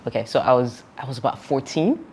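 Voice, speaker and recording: This Nigerian woman, a founder appearing as an interview guest, has a very deep, slightly mellow voice with a breathy edge. She talks fast and expressively, sharing reflective stories earnestly, laughing often and leaning on "like" and "you know."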